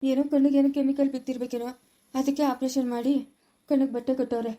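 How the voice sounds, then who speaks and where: A woman's voice: high-pitched, flat delivery, fast, dark tone, lightly acted. A woman playing a worried father who consoles his wife and scolds his daughter in an amateur family drama. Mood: stern.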